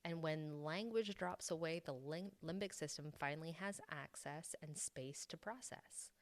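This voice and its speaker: A woman hosting a solo podcast, calmly explaining and talking about her own sobriety. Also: low voice, measured pace. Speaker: podcast host.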